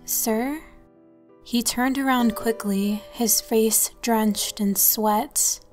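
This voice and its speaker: A woman narrating a horror story in the first person, with a soft, calm delivery. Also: fairly high pitch, takes it slowly, faint music behind.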